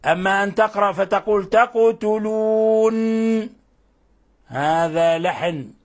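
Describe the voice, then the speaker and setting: Man, recitation teacher, high voice, patient explanatory tajweed lesson, repeats phrases.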